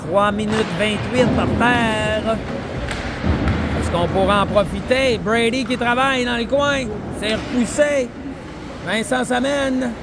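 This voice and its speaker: A man with a Quebec French accent giving excited play-by-play sports commentary as an amateur hockey commentator, lifting into shouts on big plays. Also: very high voice, takes it slowly, creaky. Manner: excited calls, shouting on shots and goals. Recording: noisy arena crowd and ambient din. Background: crowd and loud rink noise.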